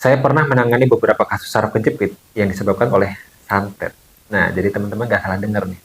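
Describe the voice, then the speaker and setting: A man's voice: lowish voice, steady tone, fast talker, gravelly, a little hiss or hum, poor audio. A man, a bone-setting therapist, casually telling viewers a story from his clinic, with lots of fillers and quoted dialogue.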